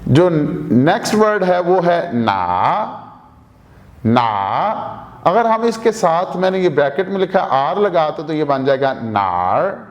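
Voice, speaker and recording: A man's voice: on the high side, big pitch swings, measured pace. A man with a Pakistani Urdu accent teaching a vocabulary lesson, saying each new word several times and then explaining what it means. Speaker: language teacher.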